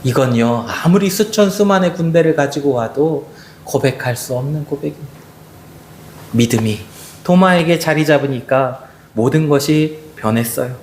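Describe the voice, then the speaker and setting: A man preaching a Sunday sermon as pastor, swinging his voice high and low and talking straight to the congregation. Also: normal speed, a little mellow, a little hiss or hum. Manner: addresses the congregation directly. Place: church sanctuary. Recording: echoey church sanctuary.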